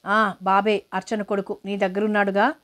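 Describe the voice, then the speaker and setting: A woman's voice: mid-range voice, little pitch movement, normal speed, fairly bright tone, close to an everyday voice. A woman reading the lines of a stern, impatient scheming woman in a storybook reading.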